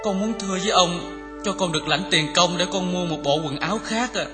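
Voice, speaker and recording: An actor playing a poor, kind young farmhand who speaks timidly and politely. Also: male voice, high-pitched, fairly quick, over music, natural voice.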